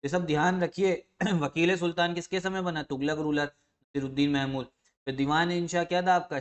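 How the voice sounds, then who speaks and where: A man teaching an exam revision lesson who asks questions and answers them himself, repeating key terms and often clearing his throat. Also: fairly high pitch.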